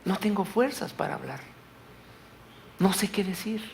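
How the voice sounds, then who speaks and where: A grieving pastor father prays in a soft, hushed voice, faithful but heavy, as a preacher acts him out. The tone is gravelly and fairly high. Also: expressive, measured pace, a little hiss or hum, heavily acted.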